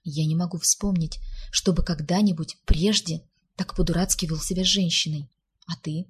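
A woman's voice: fairly low pitch, fairly even intonation, moderate pace, a little hiss or hum, natural voice. A woman reading as a sulky, flustered young man. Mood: glum. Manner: grumbling, defensive.

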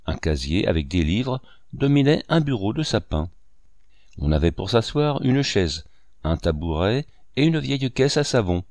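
A man narrating a classic novel in a measured, expressive reading. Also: on the low side, dry recording. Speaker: audiobook narrator.

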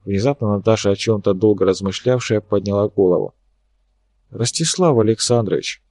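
Dry, even male audiobook narrator. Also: fairly low pitch, fast, no echo. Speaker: audiobook reader.

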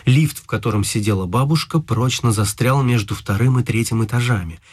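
A man narrating a children's story in an even, storytelling manner. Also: medium pitch, brisk, breathy edge, no room sound. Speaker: audiobook narrator. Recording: guitar music behind.

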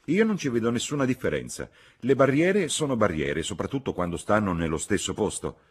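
A man reading an audiobook, voicing a blunt middle-aged mother in a loud, husky, scolding tone. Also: sits low, very animated, normal speed, voice pushed up, full character voice. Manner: loud, scolding, matter-of-fact.

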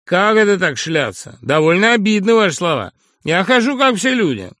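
A man's voice: sits high, big pitch swings, normal speed, bright, forceful tone, no echo, studio quality, voice pushed up, heavily acted. A male audiobook reader voicing a crude, brash young man newly made from a dog, mocking, aggrieved and insistent. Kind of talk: audiobook character reading.

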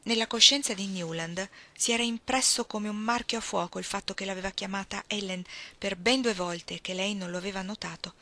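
A woman reading a literary novel aloud, calm and measured. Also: mid-range voice. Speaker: audiobook reader. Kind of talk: literary audiobook narration.

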